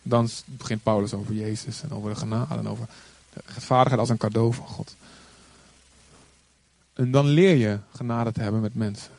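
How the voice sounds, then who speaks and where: A man who is a pastor, telling a story in a calm, earnest way and acting out the voices of the people he quotes. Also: fairly low pitch, fairly quick, gravelly, no echo. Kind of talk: sermon-style storytelling.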